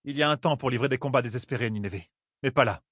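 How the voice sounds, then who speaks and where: A man voicing a tough warrior woman who reasons in a calm, measured, steady way. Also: mid-range voice, husky, no echo, clean studio sound, pitched above the performer's own voice. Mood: calm reasoning.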